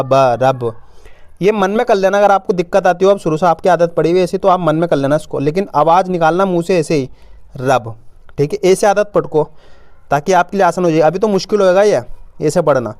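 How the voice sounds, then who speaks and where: A Hindi reading teacher, a man with a fairly high pitch and a darkish tone, leads children through a step-by-step reading lesson with no room sound. He patiently sounds out each word and answers his own questions, using informal spoken Hindi and saying "apan" for "we".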